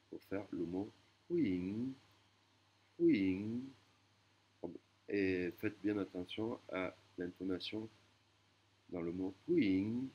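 A man teaching a language lesson, explaining slowly with hesitations and self-corrections. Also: sits low, dull audio.

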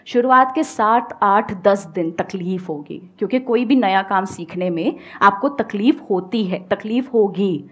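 Her mid-range voice has a breathy edge, and she's unhurried yet barely pauses. This Indian-accented woman in her thirties, a guest English-speaking coach wearing a headset mic, gives an emphatic, animated motivational talk to a live studio audience, switching between Hindi and English and gesturing a lot.

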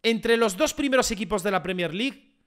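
A man giving excitable gameplay commentary, repeating phrases and bursting into shouts. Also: high voice, a little fast. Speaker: gaming YouTuber.

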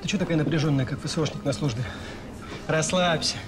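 An actor playing a wry, easygoing friend at a party in a melodrama series, with a teasing manner. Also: male voice, fairly high pitch, fast, natural voice. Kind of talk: naturalistic screen acting in a melodrama series.

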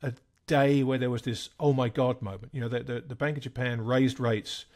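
Man in his sixties, interview guest, measured and thoughtful, average pitch. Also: steady tone, darkish tone. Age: 60s. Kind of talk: conversational interview.

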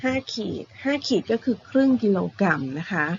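A woman's voice: a little high, expressive, normal speed, darkish tone, dull audio, a little hiss or hum. A woman teacher giving a patient, repetitive math lesson to young primary school pupils, often ending her phrases with polite particles.

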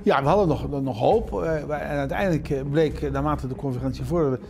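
A man's voice: on the high side, fairly quick, creaky, darkish tone, soft background music. An older man, a former minister, speaking hesitantly with many fillers in an interview at home. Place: indoor home.

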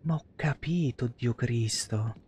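An Italian man in his thirties streams a game, giving casual, heavily profane live commentary and chatting with his viewers along the way. His mid-range voice is slow, a little mellow and informal, with slight background noise.

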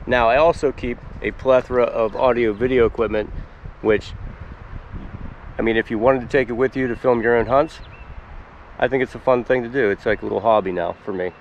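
This is a foraging-channel host from Pennsylvania, US, a man in his forties casually showing his gear to the camera while kneeling among spring trees. He speaks at a medium pitch and a little fast; the highs are cut off and a faint hiss or hum runs underneath. Easygoing and talkative, he explains plainly and uses fillers.

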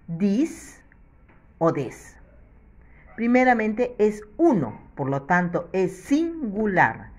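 A woman teacher with a Peruvian Spanish accent gives a patient children's English lesson, asking questions and answering them herself. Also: lowish voice.

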